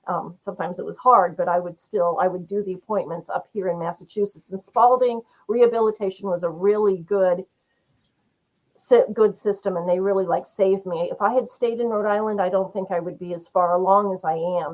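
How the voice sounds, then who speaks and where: A middle-aged woman speaks as a podcast guest, telling her story at length. She talks earnestly and loosely, circling back with fillers and restarts. Her pitch sits in an ordinary middle range. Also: low-quality recording. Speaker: guest author. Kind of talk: casual interview chat.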